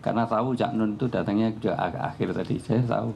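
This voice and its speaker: A man's voice: fairly low pitch, steady tone, quick pace, vocal fry, a crowd in the background. A man giving a humorous religious talk at a live public forum, telling anecdotes and joking as he goes. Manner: joking, anecdotal storytelling with frequent laughs. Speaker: Islamic preacher.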